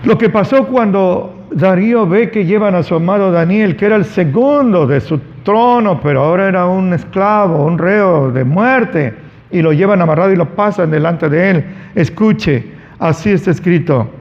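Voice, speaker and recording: A male pastor preaching a sermon, retelling a story dramatically with long pauses and sudden stresses. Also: high voice, in a large hall, dull audio.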